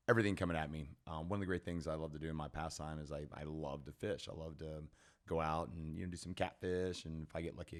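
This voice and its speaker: A middle-aged man, a personal trainer, telling a story as a podcast guest in an animated, casual way. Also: extremely low pitch. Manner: animated, lots of "like" and "man" fillers.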